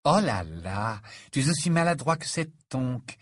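A man's voice: medium pitch, very animated, moderate pace, no room sound. A man reading aloud and putting on a raised, affected voice for a haughty young woman in a storybook. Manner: affected, exclaiming.

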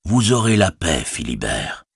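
A man voicing a wise old wizard in a measured, grave, reassuring way, with a husky voice. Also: low-pitched, big pitch swings, no echo, studio quality, exaggerated voice. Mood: calm.

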